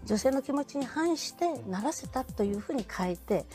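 A woman's voice: sits high, animated, normal speed, mellow, faint music behind. Woman commentator on a tv panel, pushy and pointed, voice rises and falls a lot. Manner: pointed, insistent, presses the other guest. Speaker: political commentator. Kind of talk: TV panel discussion.

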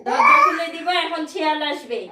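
A woman talks to a small child at home in a high, lively, sing-song voice. She pleads and soothes by turns. The phone recording picks up an echoey room and clear background noise. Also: brisk. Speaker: mother. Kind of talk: coaxing talk to a small child.

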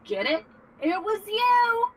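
A woman's voice: extremely high pitch, big pitch swings, slow, a little hiss or hum, exaggerated voice. A woman voicing a chirpy, cheerful female robot tour guide in a game, who talks in upbeat surfer slang and calls the player "human". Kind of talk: game character dialogue.

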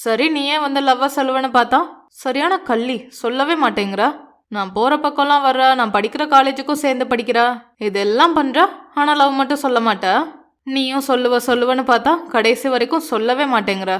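Woman reader doing a cocky, affectionate young man, quick and playful, a little lower than her own voice. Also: close to an everyday voice. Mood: teasing. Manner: teasing, affectionate, self-assured.

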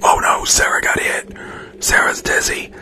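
A man whispering through a chaotic ASMR livestream, chatting and thanking viewers for gifts. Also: unhurried. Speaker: livestream host.

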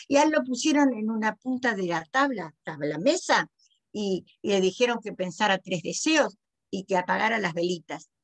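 Brief: Argentine woman storyteller, high voice, lively and expressive delivery. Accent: Rioplatense Argentine. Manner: expressive, with big pitch swings for emphasis. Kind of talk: oral storytelling.

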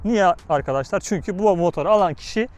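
High-pitched man talking inside a helmet. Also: fast talker, background noise. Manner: informal, slangy, explanatory, with rhetorical questions. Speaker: motorcycle vlogger reviewing his bike. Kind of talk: casual motovlog commentary while riding. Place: outdoors on a motorcycle in city traffic, speaking inside a helmet.

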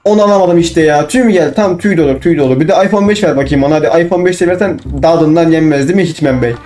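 A young man commenting on his own gameplay, excitable, talking to himself and bursting into shouts. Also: a little high, rapid-fire. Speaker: gaming channel host.

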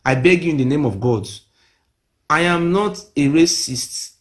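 In a small room, a middle-aged man with a Nigerian accent talks emphatically to a nearby phone camera in a fairly high, unhurried voice. His impassioned self-made monologue repeats its claims insistently.

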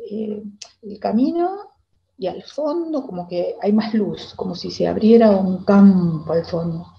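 A woman with an Argentine accent playing a timid young girl in a theater monologue, talking in a hesitant, halting way. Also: mid-range voice, creaky, dull audio. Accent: Argentine Spanish. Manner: hesitant, halting, many restarts. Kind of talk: theater monologue, reliving a memory.

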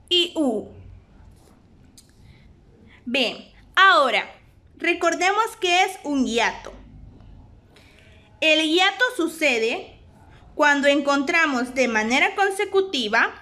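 Slow, bright-voiced woman teacher. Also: high voice. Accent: Honduran Spanish. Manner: slow, deliberate, spells out syllables. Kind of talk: recorded grammar lesson.

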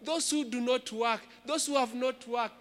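A male preacher delivers a sermon in a strikingly high voice. He is emphatic and repeats phrases to drive them home. His handheld microphone carries long reverb from the hall. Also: fairly even intonation, normal speed, fairly bright tone. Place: indoor church stage at a lectern.

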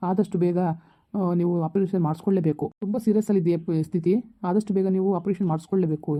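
A man playing a calm hospital doctor who explains things in a reassuring, repetitive way. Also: high voice, racing, natural voice. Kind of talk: village comedy skit. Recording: tinny phone-like sound.

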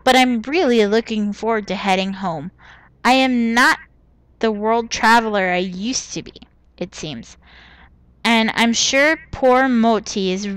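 A chatty traveler writing home, as a woman reads it out in a put-on voice. The accent is deliberately exaggerated and mocking. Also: fairly high pitch, a bit bright, clean tone, dry recording. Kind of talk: reading a letter aloud in a put-on voice.

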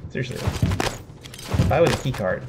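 Expressive and brisk at medium pitch, a young streamer jokes around and laughs at himself while playing a video game and reading its text aloud in a casual let's-play. He sounds slightly hoarse, explaining he's sick and his voice is going. He sits in a room at home with a corner webcam, and the recording is very noisy.

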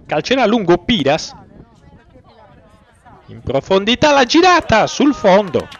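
Very high-pitched man commentating on football. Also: unhurried. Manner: excitable, swells on chances and goals. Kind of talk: live sports commentary of a youth football match. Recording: dull lo-fi audio, faint music.

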